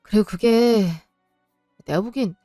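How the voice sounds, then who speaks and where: A blunt male friend who lectures calmly and says hard truths, voiced by a woman. The voice is a little high and dry. Soft music plays behind. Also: unhurried, no echo, lightly acted. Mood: frank. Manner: frank, calm, lecturing.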